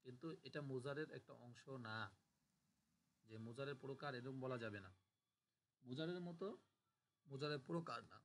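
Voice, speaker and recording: A man's voice: medium pitch, fairly bright tone, slight background noise. A man teaching a grammar class, patiently explaining and repeating word forms aloud for students to drill. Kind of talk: online class lecture.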